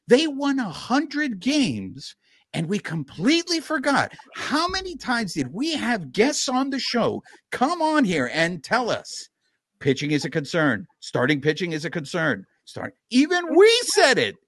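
A man hosting a sports podcast, delivering a sarcastic, animated rant in casual talk. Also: a little high, no echo. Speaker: podcast host.

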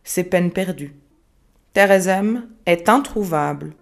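A woman giving scripted true-crime narration in a measured, grave manner with dramatic pauses. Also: on the low side, animated, vocal fry.

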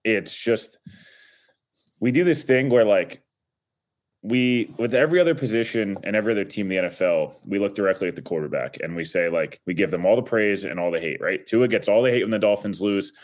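Low-voiced man talking football. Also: a little fast. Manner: conversational, reasoned, laughs easily. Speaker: podcast guest. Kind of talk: casual sports analysis chat.

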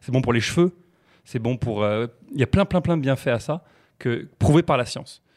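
A man talking quickly and with lots of animation on a casual podcast. He tells stories, jokes around, and often stumbles and repeats words before he gets going again. His voice sits at a middle pitch. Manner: fast, animated, jokey storytelling with repeated restarts. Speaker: podcast guest, comedian. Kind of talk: casual chat.

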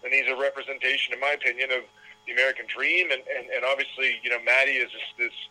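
A man, a documentary filmmaker, telling his story in an interview with quick, stumbling restarts. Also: mid-range voice, little pitch movement, pushed and bright, low-quality recording. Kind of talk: casual interview talk.

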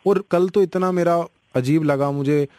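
Deadpan man making a prank call. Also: a little high, measured pace, no echo. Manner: deadpan, mock-serious. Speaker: radio prank caller.

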